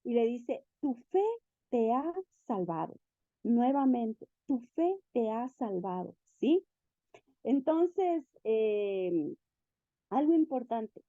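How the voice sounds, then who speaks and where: A woman preaching a sermon in an animated way, asking the listeners questions and acting out the quotes. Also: a little high, takes it slowly, no room sound. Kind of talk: sermon teaching. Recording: dull, lo-fi recording.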